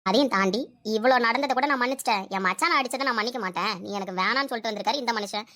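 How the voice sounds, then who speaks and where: Casting: chatty woman host, high quick voice, exasperated commentary. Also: bright, forceful tone. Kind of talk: casual commentary.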